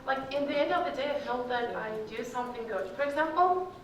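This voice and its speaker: Her voice high-pitched and animated, a young woman from Kyrgyzstan talks fairly quickly as she fields student questions at an alumni Q&A. Russian is her first language, and her casual answers are peppered with fillers. The recording comes from far off in a large hall that echoes.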